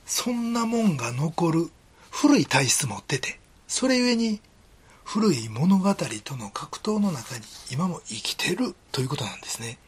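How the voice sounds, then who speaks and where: A deeply husky male pastor with a Kansai accent delivers a sermon. His pitch moves a lot from phrase to phrase, and he talks earnestly and conversationally, often dropping to a whisper. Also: big pitch swings, unhurried. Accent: Kansai Japanese.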